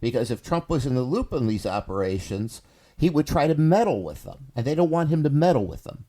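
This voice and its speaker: Brief: middle-aged male podcast co-host, mellow dark tone, indignant and emphatic. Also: medium pitch, animated, fairly quick. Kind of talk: casual podcast chat.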